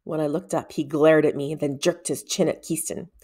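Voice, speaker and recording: Her voice is a little low and slightly rough as she reads fiction aloud. She takes her phrasing slowly and deliberately, giving the story the expressive feel of a storybook narration.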